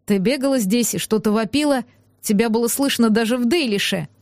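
A woman voicing a gruff, brooding man who speaks slowly and growls his clipped lines in anger. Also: on the high side, darkish tone, no room sound, studio quality, close to an everyday voice. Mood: mocking.

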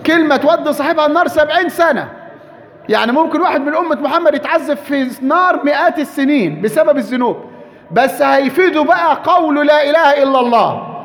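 A man with an Egyptian accent preaching a sermon, emphatic, repeating key phrases and slowing down to stress them. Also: very high voice, a bit bright, big-room sound. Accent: Egyptian Arabic.

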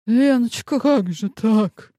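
Brief: woman playing a nervous old storeroom boss, audiobook, slow, higher-pitched, dry close read. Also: dark tone, no echo. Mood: alarmed. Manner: slow, drawn-out exclamations. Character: flustered elderly male warehouse manager, fussy and anxious.

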